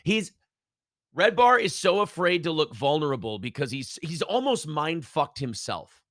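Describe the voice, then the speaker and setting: A man's voice: a little high, very animated, moderate pace, a bit bright, no echo, studio quality. A man hosting a podcast, ranting and mocking in casual chat. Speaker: podcast host.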